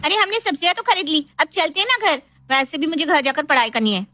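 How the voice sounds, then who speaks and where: A sharp-tongued young woman from a cartoon story, whining and bossing in a high, squeaky voice, put on by a woman narrator. The voice is dry and close, with no room around it. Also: fast, dry recording, soft background music. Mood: bossy.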